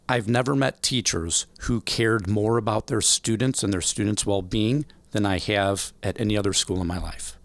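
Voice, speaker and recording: A man in his forties telling a life story as a podcast guest, animated and acting out the voices of people he quotes. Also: fairly low pitch, no echo. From United States. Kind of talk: storytelling interview.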